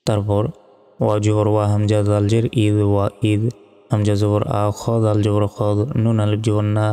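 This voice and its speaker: A man with a Bangladeshi accent works through a spelling-out recitation lesson, one letter and vowel at a time. His voice is smooth, mellow and dark, and it stays flat and slow. A long reverb trails behind him over faint background music. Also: lowish voice. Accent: Bangladeshi Bengali. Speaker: Quran reading teacher.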